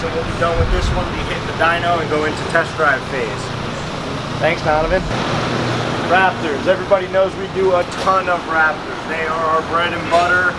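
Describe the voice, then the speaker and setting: A man in his thirties giving an upbeat, plain-spoken walkthrough of a car workshop. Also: high voice. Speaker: shop manager giving a tour. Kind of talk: casual walkthrough vlog. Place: large indoor vehicle workshop. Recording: workshop noise behind.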